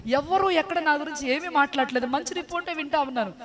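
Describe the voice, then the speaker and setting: A woman's voice: high-pitched, quick pace, crowd noise. A woman giving an earnest, fervent spoken testimony about her faith, sometimes asking her listeners questions. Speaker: church member giving testimony.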